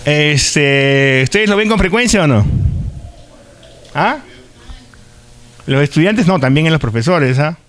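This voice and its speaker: A man's voice: on the high side, expressive, slow pace, long pauses, a bit bright. A man from Peru with a Lima accent, giving a live university lecture in a chatty way, often checking in with his students and sometimes stumbling and restarting words. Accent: Lima Peruvian Spanish. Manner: conversational, asks the class frequent tag questions; occasional stutters and restarts.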